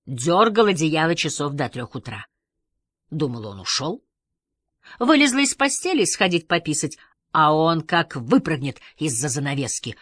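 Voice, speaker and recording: A woman's voice: deep voice, very animated, moderate pace, fairly bright tone, dry recording, heavily acted. A woman reading the part of a grumpy, sleepless middle-aged woman who talks bluntly and sourly.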